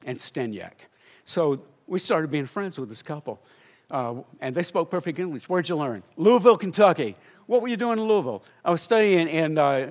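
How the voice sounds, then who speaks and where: An older man, a missionary preacher, telling a story in a sermon and building to fervent exclamations. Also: on the high side.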